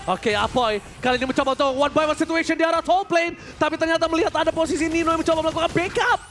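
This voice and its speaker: An Indonesian man commentating an esports match like an excited game announcer, dramatic and emphatic, mixing in English gaming terms. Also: extremely high pitch, racing, slight background noise.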